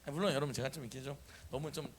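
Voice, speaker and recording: Speaking rapid-fire at a medium pitch, a male pastor delivers an animated sermon in a church sanctuary. He keeps asking the congregation to answer and repeat after him.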